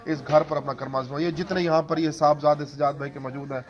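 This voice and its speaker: Guy preaching at a home gathering, impassioned, kinda high pitched, dull lo-fi audio. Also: steady tone. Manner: impassioned, chanting cadence in prayers. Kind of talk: sermon with devotional storytelling and prayer. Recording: dull lo-fi recording.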